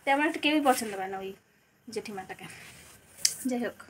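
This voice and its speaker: A woman's voice: fairly high pitch, expressive, fairly quick. A young woman, talking casually through her evening at home in a vlog, her throat a little scratchy. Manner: chatty, rambling and self-correcting. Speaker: vlogger.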